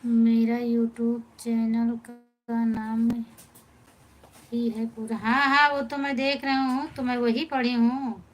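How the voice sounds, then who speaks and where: Up woman w/ local doing a live stream, kinda high voice, reads out comments and answers em patiently. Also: flat delivery, takes it slowly, low-quality recording. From Pratapgarh, Uttar Pradesh, India. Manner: greets viewers by name, answers their questions patiently. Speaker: live-stream host and folk singer. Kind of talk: casual live-stream chat, reading viewer comments aloud.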